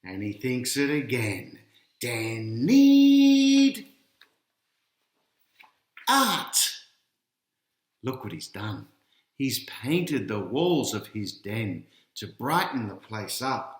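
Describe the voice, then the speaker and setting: The author, a man with a lowish voice and lively intonation, reads his picture book slowly to a group of children. He poses questions to them and teases out the surprises, all captured in a reverberant room.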